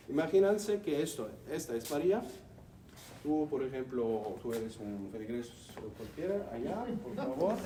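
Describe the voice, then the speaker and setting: A man giving an emphatic teaching talk to a group, animated and repeating key words. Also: medium pitch. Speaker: speaker teaching on faith. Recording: roomy hall, distant mic, faint hum.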